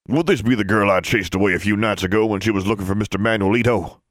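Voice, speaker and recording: Fussy old wizard portrait, pinched and nasal, scolding, as a man puts him on; raised, high-strung delivery, dry close recording. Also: fast talker, dry recording, natural voice. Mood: indignant. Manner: prim, indignant, prudish scolding.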